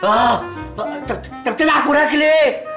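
A high-voiced Egyptian stoner, breathless, whiny, very rapid sitcom panic. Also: male voice, animated, bright, forceful tone, faint music behind, full character voice. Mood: panicky whining. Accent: Egyptian Arabic. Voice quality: groaning, whining, breathless. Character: panicking stoned young man, whiny and dazed. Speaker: actor in a TV sitcom. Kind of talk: comic TV acting.

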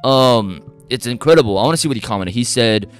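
A man's voice: mid-range voice, quick pace, soft background music. A man hosting a beatbox reaction video, talking casually and rambling with fillers. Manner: excitable, gushing exclamations, rambling with fillers.

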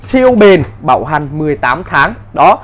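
A man giving an insistent hard-sell live sales pitch as a seller, in short, repetitive bursts. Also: big pitch swings, moderate pace, fairly bright tone. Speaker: live-sale seller of power tools.

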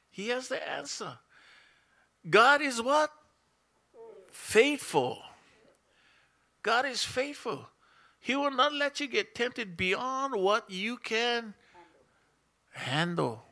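A middle-aged pastor with a Hawaiian Pidgin-tinged English accent preaches a conversational sermon while seated in a small church room, asking the congregation questions into a stand mic in front of him. His voice sits high and sounds gravelly, pushed and bright.

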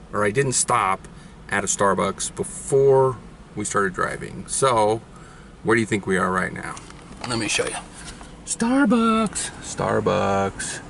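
A man's voice: on the low side, vocal fry, a bit bright. A man in his forties, a father chatting and joking to the camera on a family road trip, filmed at arm's length inside a car. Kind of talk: casual road-trip vlog. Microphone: camera held at arm's length. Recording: road noise behind.

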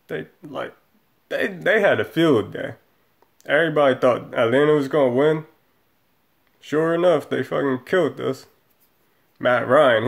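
A football fan in his thirties vlogs a profane, rambling post-game rant from a small room on his webcam. His mid-range voice carries vocal fry.

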